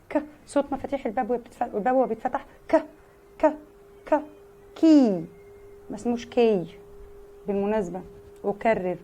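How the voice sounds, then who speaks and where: A woman with an Egyptian Arabic accent teaching young children English letter sounds, repeating each sound slowly and stressing it loudly. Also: on the high side. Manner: animated, sudden loud emphasis. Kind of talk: phonics lesson for young children.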